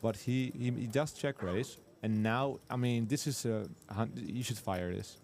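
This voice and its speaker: A man giving live poker commentary, walking through bet sizing and hand ranges. He sounds analytical, and he often restarts sentences and stacks up quick yeahs. His voice sits at an ordinary middle pitch. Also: gravelly, darkish tone. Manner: analytical, explains hand strategy with frequent restarts and repeated yeahs.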